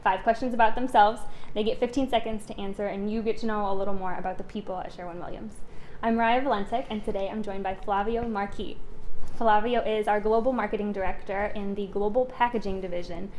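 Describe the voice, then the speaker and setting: A woman's voice: mid-range voice, fairly even intonation, brisk, darkish tone, slight background noise. A woman hosting a light corporate interview series, upbeat and friendly as she asks her questions. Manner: upbeat and friendly, laughs easily. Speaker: host of a company video series.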